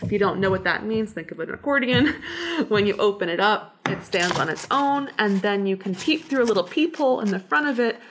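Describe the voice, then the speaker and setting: A woman's voice: medium pitch, fairly quick, background noise. A woman explaining things informally and enthusiastically as an interview guest, on a meeting room mic in a conference room. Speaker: podcast guest, special collections manager. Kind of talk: casual explanatory interview chat.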